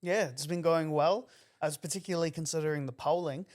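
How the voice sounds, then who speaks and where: A man's voice: on the high side, brisk, a little mellow. A man with a New Zealand accent hosting an interview, asking long, rambling questions in a chatty way. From Auckland, New Zealand. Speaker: podcast host. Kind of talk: casual interview.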